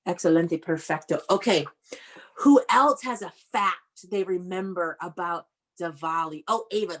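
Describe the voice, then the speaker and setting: A woman with a fairly low-pitched voice works as an elementary school teacher. She leads an interactive lesson for young children, giving step-by-step instructions and encouraging praise.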